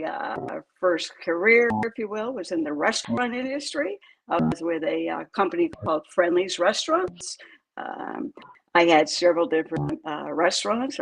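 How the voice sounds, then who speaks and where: A woman in her seventies from New York State, USA, co-creator of a crypto project, chats casually as an interview guest about her working life, rambling and hesitant with lots of fillers. Her voice is on the low side and gravelly, and the poor audio has slight background noise.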